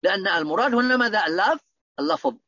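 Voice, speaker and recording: A man's voice: sits high, lively intonation, racing, gravelly, bright, forceful tone, no room sound. A man teaching Arabic grammar in an online lesson, quizzing his students with repeated questions. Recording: dull, dry lo-fi audio.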